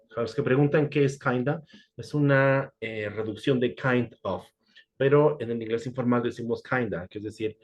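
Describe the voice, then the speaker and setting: A man's voice: mid-range voice, darkish tone. A man teaching English idioms in a casual online lesson, with playful asides. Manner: playful, switches between Spanish and English, joking asides.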